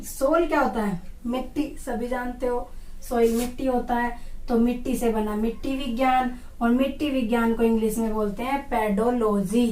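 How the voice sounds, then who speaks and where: A woman teacher giving an exam-prep lesson, asking questions and repeating each term slowly so students say it with her. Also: a little high, darkish tone. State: dry throat. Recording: echoey room, far from mic.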